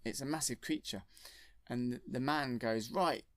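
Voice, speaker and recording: A man retells a film in a casual, deadpan ramble, full of ums and simple words. His voice sits mid-range and dry, close to the mic with no room sound. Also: mid-range voice, normal speed, no echo. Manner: deadpan, childlike plain wording with fillers. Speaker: comedic storyteller.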